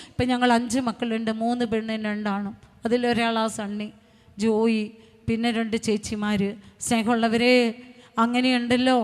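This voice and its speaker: A woman preacher giving a fervent sermon and testimony, speaking in short repeated phrases that build to loud exhortation. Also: sits high. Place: retreat centre hall. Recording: long hall reverb.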